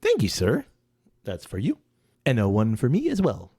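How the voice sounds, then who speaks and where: Podcast co-host, male, mellow tone, lively playful delivery, laughs easily. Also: mid-range voice, moderate pace, breathy edge. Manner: playful, laughs often, reads labels aloud in a mock-grand voice. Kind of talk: casual whiskey tasting chat.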